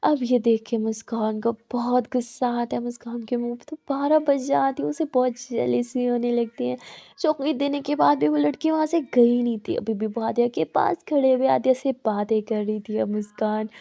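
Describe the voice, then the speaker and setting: A woman tells a love story in a lively way. Her voice is high and gravelly with a mellow tone. The recording sounds dull and lo-fi.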